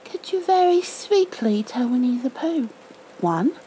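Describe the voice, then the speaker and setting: A woman's voice: high voice, animated, a little slow, mellow, slight background noise, voice pushed up, poor audio. A woman reading a storybook as a sweet, curious young boy who asks earnest, pleading questions. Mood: sweetly pleading. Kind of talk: storybook read-aloud.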